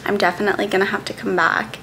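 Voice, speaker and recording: Young female travel vlogger, bright chatty delivery, phone mic in a hotel room. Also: mid-range voice, level tone, gravelly, slight background noise. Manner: upbeat, chatty, quick recommendations. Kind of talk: casual vlog chat to camera. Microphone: phone camera at arm's length.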